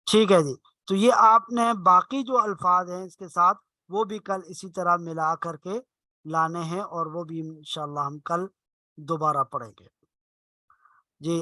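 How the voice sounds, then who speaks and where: A man's voice: sits high, sharp tone, dry recording. A man teaching an online Arabic class, patiently explaining rules step by step and stretching out example words. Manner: drawn-out slow example words.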